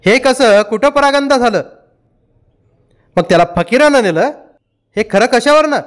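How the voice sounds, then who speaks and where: Brief: male reader playing an old village grandfather, fiery and proud, snapping back in a raised, high, swooping voice for a storybook reading. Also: expressive, unhurried. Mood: angry. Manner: angry, sharp retorts.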